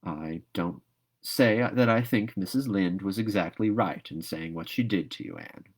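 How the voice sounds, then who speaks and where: Storybook guardian, a stern middle-aged woman, read by a man: dry, measured, low-pitched, fair-minded. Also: animated, heavily acted. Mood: firm, softened. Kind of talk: storybook read-aloud character voice.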